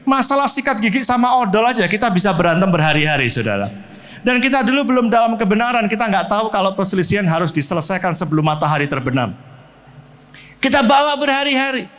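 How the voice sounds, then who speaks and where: A middle-aged pastor from Central Java preaching a sermon, swinging his pitch widely, asking the congregation questions and mixing English words into his talk. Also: animated, quick pace, a bit bright. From Central Java, Indonesia.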